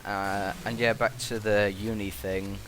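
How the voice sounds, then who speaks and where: A man's voice: lowish voice, flat delivery, measured pace, a bit bright. A young British man giving a casual, hesitant, meandering commentary into a gaming headset, like a student chatting to his viewers. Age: young adult. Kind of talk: casual rambling vlog commentary. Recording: constant buzzing, hissy background noise. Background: constant buzz and hiss.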